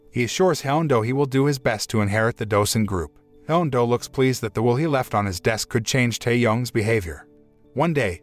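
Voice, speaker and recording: A man narrating a scripted previously-on style recap of a drama series in a steady, expository storytelling manner. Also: medium pitch.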